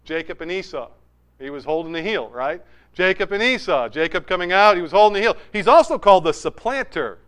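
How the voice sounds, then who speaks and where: High, smooth-voiced middle-aged male pastor. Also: a little fast. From New Hampshire, USA. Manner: animated storytelling, with humor and asides. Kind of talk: conversational sermon.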